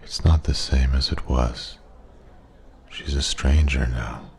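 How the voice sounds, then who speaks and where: A man playing a wise, regretful old man at a pub, a soft-spoken old sage giving slow, gentle advice in an ASMR ASMR role-play. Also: extremely low pitch, steady tone, slight background noise. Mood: earnest, tender. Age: older.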